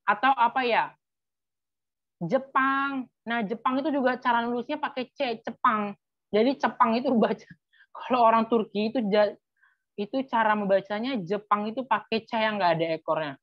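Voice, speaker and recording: Woman teaching letters aloud, patient. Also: a little high. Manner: patient, repeats letters slowly, casual fillers. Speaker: language teacher. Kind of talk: live online language lesson. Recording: slightly muffled dry sound.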